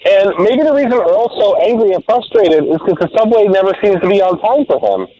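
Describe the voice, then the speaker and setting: A male radio caller talks casually in a high, lively voice. He comes through a dull phone line. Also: fairly quick. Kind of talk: casual chat.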